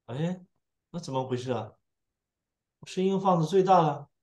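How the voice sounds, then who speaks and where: A man's voice: on the high side, animated, moderate pace, a little mellow. A man joining remotely by phone, repeatedly checking whether he can be heard. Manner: repeats himself, fussing over the connection. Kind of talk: casual audio check. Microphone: phone on a video call.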